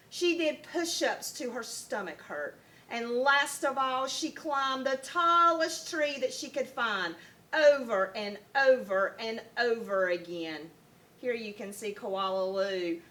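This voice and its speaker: A woman with a very bright, fairly high voice reads a children's picture book aloud. She takes her time and tells it expressively, the way a first grade teacher would.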